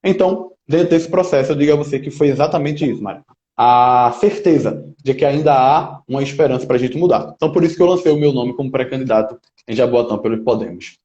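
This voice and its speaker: A man's voice: mid-range voice, fast talker, mellow. A man, answering interview questions as a political pre-candidate in an emphatic, speechmaking way, often tagging his points with "né?". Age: 20s. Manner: emphatic, speechmaking, leans on "né?" tags. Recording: roomy, slightly dull lo-fi sound.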